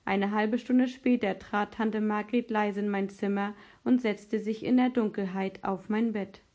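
A woman reading a storybook aloud in a calm, measured way. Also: medium pitch. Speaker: narrator. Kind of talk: scripted storybook narration.

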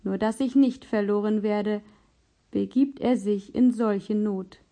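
Warm-toned woman narrating a story. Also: medium pitch, fairly even intonation, takes it slowly.

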